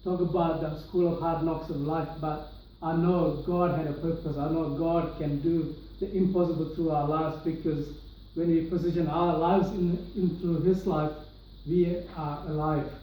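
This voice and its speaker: The speaker, a young man from Sri Lanka, gives his personal testimony to a large-room audience at normal speed, his slightly high, dark voice flat in delivery yet earnest, with many restarts and fillers. A little hiss or hum marks the recording, made from far off in an echoey hall.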